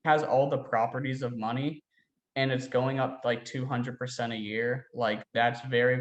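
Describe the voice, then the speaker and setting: A young man answers interview questions in a loose, rambling way, leaning on "like" and "you know" between thoughts. His voice sits at an ordinary middle pitch. The recording carries a noticeable roomy echo. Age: young adult. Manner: rambling, heavy use of "like" fillers. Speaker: interview guest. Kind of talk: casual interview talk.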